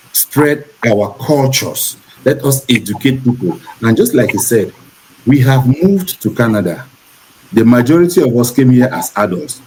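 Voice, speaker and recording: A man from Cameroon hosting a talk show discussion, speaking in a measured, preachy way and repeating points for emphasis. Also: medium pitch, darkish tone, a little hiss or hum, low-quality recording.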